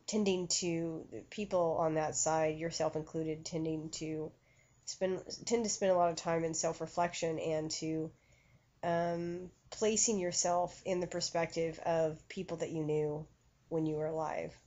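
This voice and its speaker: Self-conscious woman medium, low voice. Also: steady tone, measured pace, dark tone. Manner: self-conscious, chatty, many fillers and restarts. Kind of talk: conversational channeling session. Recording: dull lo-fi recording.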